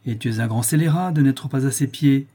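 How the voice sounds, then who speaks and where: A man's voice: medium pitch, brisk, mellow, breathy edge, lightly acted. A man reading an audiobook voices a tipsy young cavalry officer who speaks with mock solemnity and teasing. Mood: moralizing.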